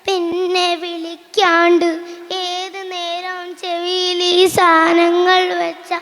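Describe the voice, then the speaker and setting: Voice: very high-pitched, completely flat delivery, takes it slowly, sharp tone, full character voice. ഒരു കുട്ടി അവതരിപ്പിക്കുന്ന പിറുപിറുക്കുന്ന വയസ്സായ അയൽക്കാരി. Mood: scolding. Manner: scolding, grumbling. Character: grumbling elderly woman neighbor. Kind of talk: school stage monoact. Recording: echoey school hall.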